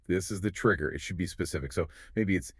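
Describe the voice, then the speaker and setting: A man's voice: sits low, fast, no room sound, clean studio sound. A man co-hosting an explanatory podcast, confidently walking through ideas step by step. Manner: confident, explains in clear steps. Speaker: podcast co-host.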